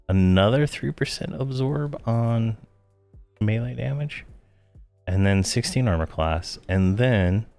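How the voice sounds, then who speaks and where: A man giving casual gameplay commentary, thinking aloud with many fillers, tired and yawning. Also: deep voice. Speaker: game guide creator.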